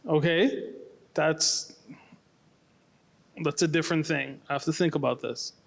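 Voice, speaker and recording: A man's voice: on the high side, unhurried, creaky. Laid-back, rambling young man. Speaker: podcast co-host. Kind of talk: casual chat.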